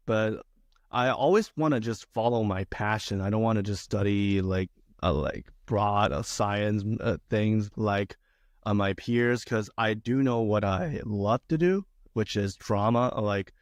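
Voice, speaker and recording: A young man from China speaking as a podcast guest, his voice sitting fairly low. He talks earnestly and stops and restarts often, and the sound is dry and close. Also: no echo. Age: young adult. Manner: halting, many fillers and restarts, earnest. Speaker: guest, theater student. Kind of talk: casual podcast interview.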